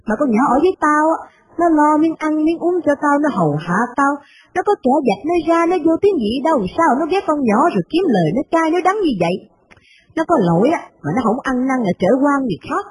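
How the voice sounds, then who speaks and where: A woman's voice: high-pitched, very animated, fast, pitched above the performer's own voice, rough recording. A woman voicing a domineering old rich mother, blunt and scolding. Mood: indignant.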